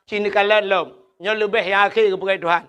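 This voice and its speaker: A man's voice: sits high, steady tone, fairly quick, bright, forceful tone, clear, resonant tone. A man preaching a humorous village sermon with an Acehnese accent, telling stories and acting out villagers' dialogue. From Aceh.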